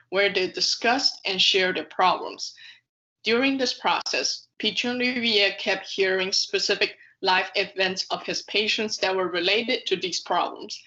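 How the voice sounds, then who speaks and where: A woman reads a scripted video essay aloud, carefully but with the occasional stumble over a word. Her medium-pitched voice sounds pushed and bright, and the recording's highs are cut off.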